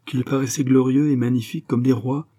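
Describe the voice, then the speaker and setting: A man narrating a classic novel in a measured, literary reading. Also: medium pitch, fairly even intonation, warm tone. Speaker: audiobook narrator. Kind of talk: scripted narration.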